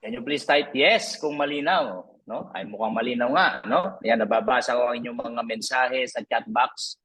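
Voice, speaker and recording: A husky, sharp-toned man in his thirties with a medium pitch hosts a live online sales training, upbeat and chatty, often ending sentences with a quick "no?" He's picked up on an online meeting microphone, and the recording quality is low.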